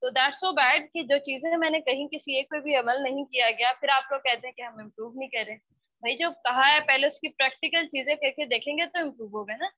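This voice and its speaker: A woman's voice: high voice, a little fast, dry recording. A woman teaching a spoken English class online, scolding her students and switching between Hindi-Urdu and English. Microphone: computer mic on a video call. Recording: dull, dry online-call audio.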